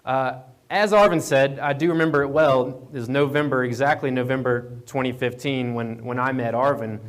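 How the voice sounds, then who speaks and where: A man's voice: medium pitch, steady tone, normal speed. A man from Virginia with an Appalachian accent gives an informal conference presentation, often repeating words and restarting as he goes. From Appalachian Virginia, United States. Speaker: guest speaker, economic development program manager. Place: speaking to an audience at a live event, standing away from the podium. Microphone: double mic'd.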